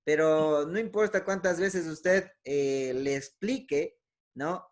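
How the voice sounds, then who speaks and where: A man's voice: on the high side, slow pace. A man giving a conversational teaching talk, with frequent "eh" fillers and self-corrections, often tagging phrases with a questioning "¿no?". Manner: ends many phrases with a questioning "¿no?". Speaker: speaker giving a talk on emotions.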